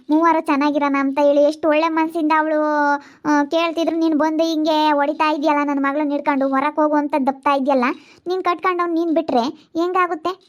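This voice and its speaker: A woman's voice: high-pitched, lo-fi sound, close to an everyday voice. A woman playing a worried older mother who scolds her daughter's husband. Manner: scolding, pleading. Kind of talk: amateur family drama skit.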